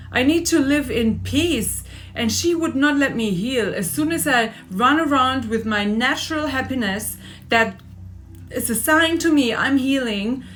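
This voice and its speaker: A woman in her forties talks straight to camera in an emotional vlog rant. Her voice sits a little high and turns agitated, repeating lines for emphasis. Faint music plays behind her. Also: fairly bright tone. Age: 40s. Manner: agitated, venting, repetitive emphasis. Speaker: vlogger.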